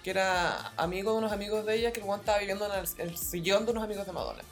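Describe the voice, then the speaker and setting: A woman's voice: medium pitch, fairly even intonation. Chilean woman cohost, medium voice, jokey slangy quips, faint music in the back. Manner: joking, slangy, quick quips. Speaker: podcast co-host. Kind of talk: casual chat.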